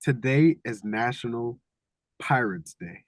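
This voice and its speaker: A man's voice: medium pitch, slow pace, no echo. A man hosting an interview podcast, opening the show in an upbeat, promo-style way. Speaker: podcast host.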